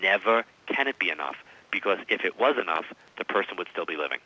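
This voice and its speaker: A man's voice: sits low, animated, fast, no echo. A man in his forties, a psychic medium being interviewed, talking emphatically and telling stories. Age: 40s. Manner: emphatic, storytelling. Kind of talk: interview conversation. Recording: dull radio-style audio.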